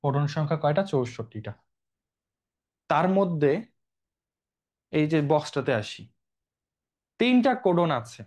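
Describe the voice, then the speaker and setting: A man's voice: on the high side, big pitch swings, a little slow, long pauses, darkish tone. A young man from Bangladesh teaching a biology exam-prep lecture in a chatty way, often checking in with his students. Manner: chatty, addresses students directly with frequent check-ins.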